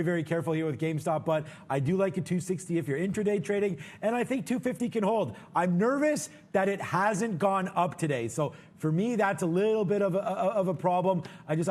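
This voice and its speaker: Speaking straight to viewers, this live trading show co-host offers informal, chatty market commentary. His voice is high, with a darkish tone.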